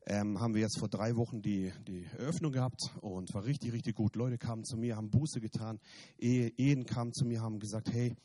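A man preaching a sermon and giving his testimony, repeating phrases and swinging from loud emphatic bursts to quiet remarks in a church. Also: on the low side, husky. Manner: repeats phrases, restarts words.

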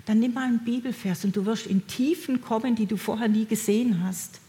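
Gentle encouraging woman preaching. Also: on the high side, a little fast. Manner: gentle, encouraging, speaks directly to listeners. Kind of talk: sermon.

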